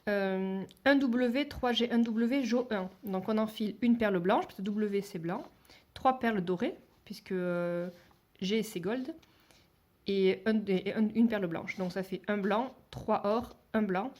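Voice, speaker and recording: A woman's voice: medium pitch, a little slow, a little mellow. A woman giving a step-by-step beading tutorial, talking hesitantly with many fillers and restarts, and dropping to a near whisper while she counts beads. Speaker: beading instructor.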